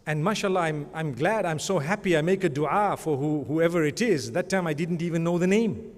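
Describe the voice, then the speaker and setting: In a large conference hall with a long reverberant tail, a man presents an award, talking fairly quickly in a voice on the high side. He rambles in a conversational manner and keeps working in religious blessings throughout the ceremony speech.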